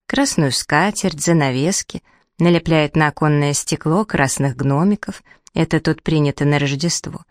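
A woman narrates a story in a gentle, unhurried audiobook style. Her voice sits low. The recording is close and dry, with no room around it. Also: dry recording. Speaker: reader.

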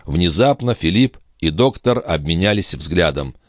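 A man narrating a classic novel as an audiobook, even and unhurried. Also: low voice, no echo, clean studio sound. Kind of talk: scripted literary narration.

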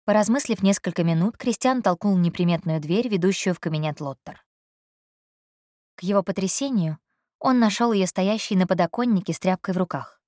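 A woman narrating an audiobook in a steady, measured reading voice. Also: mid-range voice, no room sound, clean studio sound. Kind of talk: scripted narration.

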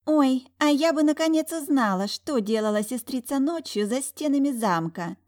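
A woman's voice: sits high, animated, normal speed, darkish tone, voice pushed up. A woman voicing a spiteful young noble sister who hisses coy taunts in an audiobook. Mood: mocking.

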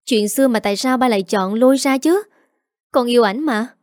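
Lady reading weepy young daughter begging her dad, a bit higher, dry sound. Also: a little fast, a little mellow, no room sound, lightly acted. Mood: tearful. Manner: whining and sobbing. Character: tearful young wife and daughter, pleading.

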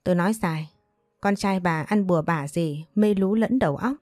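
A woman voicing an angry older village father who shouts and scolds harshly. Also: lowish voice, moderate pace, dry recording, studio quality, faint music behind, lightly acted. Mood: furious.

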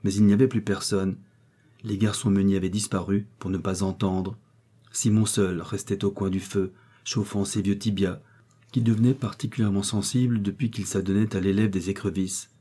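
A man reading a novel aloud as audiobook narration, measured and steady. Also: lowish voice, husky. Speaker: audiobook reader.

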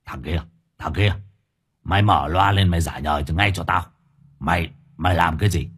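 A man voicing a gruff, angry working-class father, barking at his son. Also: low voice, brisk, fairly bright tone, voice pushed down. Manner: barking, scolding.

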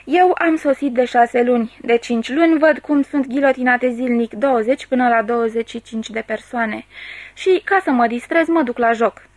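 A woman's voice: on the high side, dry recording, close to an everyday voice. A woman voicing a carefree, worldly male gambler friend in an audiobook, breezy and teasing.

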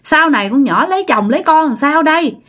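A woman's voice: sits high, expressive, a little fast, a bit bright, voice pushed up. A woman voicing an angry village mother who shrilly scolds the couple who marked her baby. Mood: furious.

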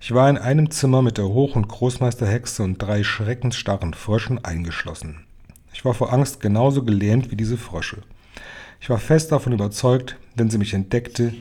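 A man reading a children's storybook aloud with steady, plain narration. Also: lowish voice, moderate pace. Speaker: reader.

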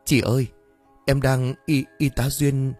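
A man's voice: mid-range voice, a little fast, a little mellow, soft background music, close to an everyday voice. Male narrator doing an emotional young woman, eager questions, near his own voice.

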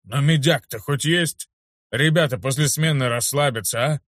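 A man's voice: mid-range voice, moderate pace, a bit bright, no echo, clean studio sound, close to an everyday voice. A man voicing a greedy, grumbling town guard captain who angles for a bribe. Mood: wheedling. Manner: gruff, grumbling.

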